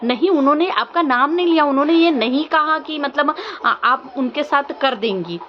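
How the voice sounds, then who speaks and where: Speaking at a moderate pace in a high-sitting voice, a young female vlogger shares casual opinions with viewers. She's insistent and questioning and repeats her phrases a lot; the recording is muffled and lo-fi, with faint background noise.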